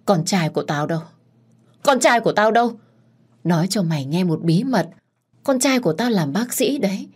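A woman's voice: fairly low pitch, a little fast, a little mellow, husky. A woman voicing a confused older woman who babbles and laughs wildly. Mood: deranged. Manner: babbling, cackling.

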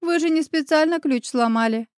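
A woman's voice: high voice, normal speed, a little mellow, dry recording, clean studio sound, voice pushed up, lightly acted. A woman voicing a bossy young female friend in an audiobook, talking in a snappy, commanding way. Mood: brisk, bossy. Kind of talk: audiobook character voice.

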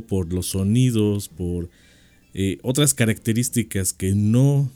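A man with a Mexican accent co-hosting a radio discussion, reflective and pausing often with "eh" and restarts. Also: fairly low pitch, warm tone. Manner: reflective, with frequent "eh" pauses and restarts. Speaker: radio show co-host. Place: radio studio.

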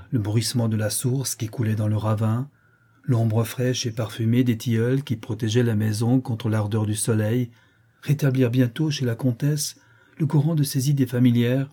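Brief: male audiobook narrator, mellow and breathy, measured delivery. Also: mid-range voice, steady tone. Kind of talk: audiobook reading of a novel.

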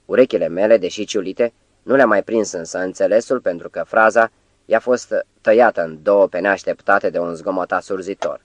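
A man reading a novel aloud in a measured storytelling way. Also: low voice, dry recording. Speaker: audiobook reader. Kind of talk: literary audiobook narration.

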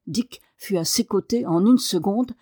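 A woman narrating a novel aloud in an expressive reading voice. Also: medium pitch, a little slow, husky, no room sound, clean studio sound. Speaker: audiobook narrator. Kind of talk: scripted narration.

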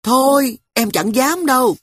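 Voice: very animated, brisk, fairly bright tone, breathy edge, no room sound, studio quality. Ái, a scared little girl, as a reader puts her on. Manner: high, wavering, pleading. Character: frightened little girl, the narrator's younger sister. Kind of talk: audiobook character voice.

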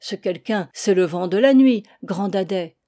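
A woman's voice: mid-range voice, a little slow, mellow, no echo, clean studio sound, natural voice. A woman voicing a stern, worried peasant mother who scolds her family and prays for the drowned.

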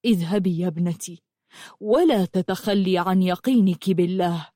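A woman voicing a grieving father who speaks in a slow, grave and tender way in an audiobook. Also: on the low side, mellow, dry recording, studio quality, close to an everyday voice. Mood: sorrowful. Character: grieving loving father, gentle and sorrowful. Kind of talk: audiobook storytelling.

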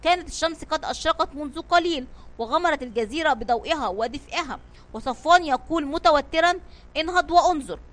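A woman narrating a children's audio story in an expressive read-aloud manner. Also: sits high, fast.

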